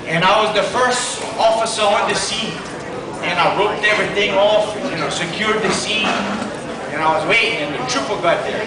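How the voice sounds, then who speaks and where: High-pitched Cajun man doing stand-up, echoey room. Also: normal speed. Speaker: stand-up comedian. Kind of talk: stand-up storytelling to a live crowd. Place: live comedy room with audience. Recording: echoey noisy club, far off, loud crowd.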